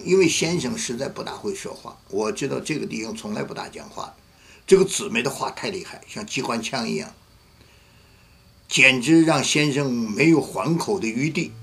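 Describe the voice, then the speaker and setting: Gravelly-voiced man preaching a sermon. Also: mid-range voice, a bit bright. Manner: vivid storyteller who acts out quoted voices. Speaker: pastor. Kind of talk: sermon with storytelling.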